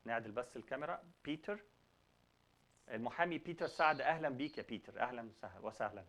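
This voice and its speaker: Halting male host with Egyptian Arabic accent. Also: medium pitch, animated, a bit bright. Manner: halting, repeats word beginnings. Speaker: talk show host. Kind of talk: conversational presenting mixing Arabic and English.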